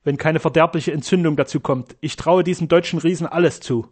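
A man's voice: fairly high pitch, brisk, slightly rough. A vengeful, menacing doctor, acted by a male storyteller mutters his threats. He sounds cold and scheming. It is a German storybook reading.

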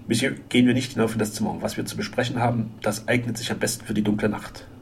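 A man voicing a burly, blunt French henchman who speaks gruffly and issues menacing warnings in a storybook reading. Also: fairly low pitch, level tone, fast talker, slight background noise. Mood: superior.

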